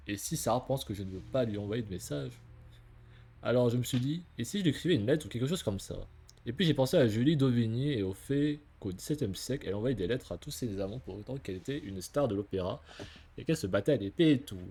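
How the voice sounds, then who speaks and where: A man's voice: mid-range voice, brisk, dark tone, breathy edge, voice pushed up. Man reading as a flustered teen girl. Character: teenage girl writing a nervous letter. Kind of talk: reading in-game letter aloud.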